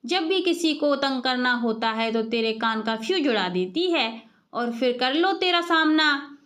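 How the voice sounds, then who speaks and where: Sharp-tongued village aunt, as a woman voices her. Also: high-pitched, lively intonation, measured pace. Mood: scolding. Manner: scolding, sarcastic.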